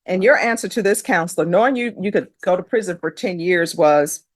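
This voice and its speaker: Middle-aged woman judge, lower voice, firm and lecturing, close dry sound. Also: brisk, no echo. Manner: firm, lecturing, pointed rhetorical questions. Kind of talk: stern courtroom questioning. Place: courtroom.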